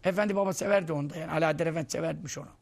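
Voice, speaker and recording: A man's voice: very fast, creaky. A man giving a conversational religious lesson, telling anecdotes and acting out the people he quotes. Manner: storytelling, acting out quoted voices, lively swings in pitch and loudness. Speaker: Islamic preacher teaching hadith.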